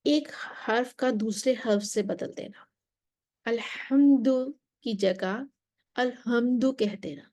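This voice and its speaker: This is a religious lesson on Quran recitation, taught by a woman who explains each point slowly and deliberately. Her voice is mid-range, and she recites Arabic in between while whispering a few remarks.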